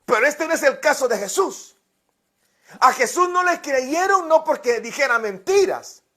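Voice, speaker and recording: A man's voice: extremely high pitch, sing-song, measured pace, bright, forceful tone. A man preaching a sermon as pastor, telling a story and reading scripture, often repeating words and speaking directly to his listeners.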